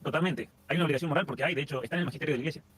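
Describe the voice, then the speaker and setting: Man, fast explanatory talk, slightly high voice, faint hum. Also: fairly bright tone, slightly rough. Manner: rapid, explanatory, lists things in long chains. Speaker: interview guest. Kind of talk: casual interview.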